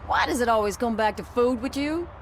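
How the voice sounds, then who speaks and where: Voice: medium pitch, brisk, a little hiss or hum, lightly acted. An actor playing a jaded, sarcastic police officer in a video game, blunt and sardonic.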